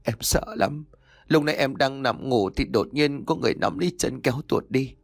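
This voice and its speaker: A man voicing a young pregnant wife who is fierce and terrified, with a shrill, pleading manner. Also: normal speed, no room sound, close to an everyday voice.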